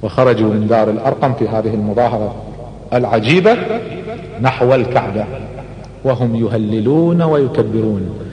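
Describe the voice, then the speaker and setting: A man telling a sermon story dramatically, rising to loud exclamations. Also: on the low side, brisk, long pauses, slight background noise. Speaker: preacher. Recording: echoey hall with long reverb.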